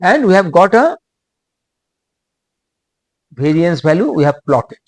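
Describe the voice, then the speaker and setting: A man with an Indian English accent giving a technical lecture, speaking in short halting phrases and repeating himself. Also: high-pitched, very animated, dry recording.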